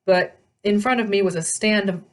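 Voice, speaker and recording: A woman reading a novel aloud with animated delivery, often stumbling and correcting herself. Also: mid-range voice, moderate pace. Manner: animated reading, frequent slips and self-corrections. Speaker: read-aloud host.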